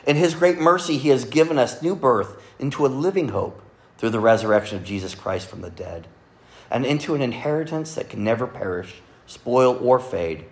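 Guy preaching sunday sermon at church, earnest, goes soft and quiet on the bible bits, average pitch. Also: animated, normal speed. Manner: earnest preaching, quotes scripture aloud. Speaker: pastor. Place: church service with congregation.

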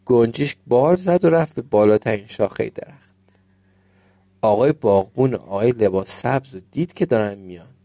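A man reading a children's story aloud as storyteller, gentle and measured. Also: mid-range voice, animated, no echo.

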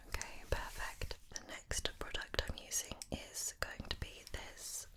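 Lady doing a whispered role-play as makeup artist, layered soft whispers, really slow and gentle. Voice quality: soft, breathy unvoiced whisper. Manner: gentle, attentive, reassuring personal attention. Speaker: ASMR host playing a make-up artist.

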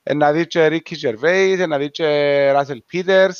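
A man with a Cypriot Greek accent, co-hosting a podcast in a measured, explanatory casual discussion. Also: fairly high pitch, clean tone, no echo, dull audio. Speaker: podcast co-host.

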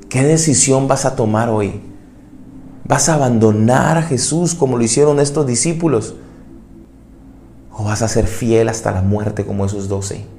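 Male pastor, mellow gravelly voice, fervent sermon delivery, hushed pleas rising to loud peaks, direct questions to the congregation. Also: medium pitch, a little hiss or hum. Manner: fervent preaching, swinging between hushed pleas and loud climaxes; asks the listener direct questions.

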